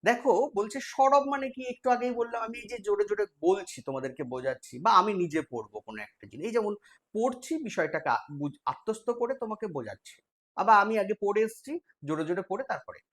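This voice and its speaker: A man's voice: high voice, big pitch swings, quick pace. A man with a West Bengal accent teaching a live online exam-prep class, explaining step by step and quizzing his students.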